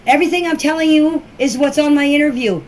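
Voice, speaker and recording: A fast-talking older woman with a high voice, a grandmother and relative in a missing children case, answers questions informally. She speaks plainly, insists and repeats herself. The amateur recording has slight background noise.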